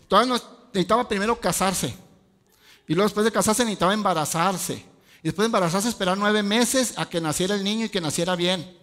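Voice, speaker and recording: A man's voice: high-pitched, fairly bright tone. A male pastor, preaching a sermon with rhetorical questions and casual asides. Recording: long hall reverb.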